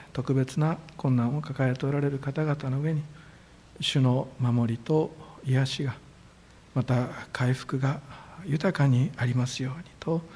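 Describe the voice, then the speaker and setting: A man serving as a church pastor, leading a formal prayer and then preaching in a relaxed, friendly way. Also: medium pitch, a little hiss or hum. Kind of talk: prayer and sermon. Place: church sanctuary.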